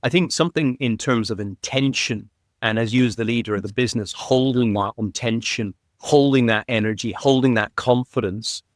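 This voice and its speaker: A man who is a podcast guest, telling a story in an animated, heartfelt way. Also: medium pitch, normal speed, no echo, clean studio sound. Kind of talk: conversational interview.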